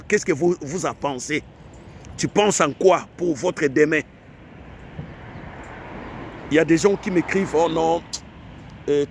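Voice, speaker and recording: A man's voice: on the high side, a little hiss or hum. A man from Africa in an emphatic, repetitive monologue to his viewers, full of rhetorical questions. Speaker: online commentator.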